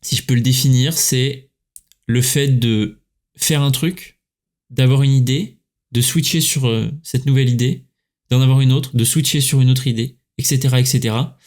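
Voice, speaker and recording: Young French man, relaxed solo podcaster, chatty, stops and restarts, mid-range voice. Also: mid-range voice, moderate pace. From France. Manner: relaxed, chatty, many fillers and self-corrections. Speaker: podcast host, writer and coach. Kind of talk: casual solo podcast talk.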